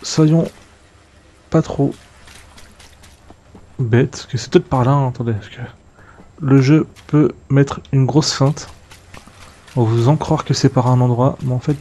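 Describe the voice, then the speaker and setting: A man's voice: mid-range voice, steady tone, measured pace, long pauses, dark tone. A man casually commenting on his gameplay, chatting to viewers and muttering to himself. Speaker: let's play gamer.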